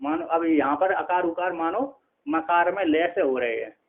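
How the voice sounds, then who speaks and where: A spiritual teacher with a voice on the high side gives a scripture lecture through a tinny, phone-like, lo-fi recording. He explains things slowly, repeats himself often, and checks in with his listeners.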